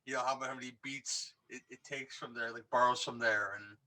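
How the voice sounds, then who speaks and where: Male podcast co-host, mid-pitched, bright and forceful tone, rambling enthusiasm, loose casual chat. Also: fairly even intonation, fairly quick. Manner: rambling and enthusiastic, many restarts. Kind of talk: casual podcast chat about horror films.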